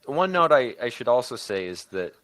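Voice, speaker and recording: Pitching a story idea off the cuff on a podcast, this co-host keeps stopping, doubling back and rephrasing mid-sentence in casual creative talk. He has a mid-range, sing-song voice that's a bit bright, recorded dry.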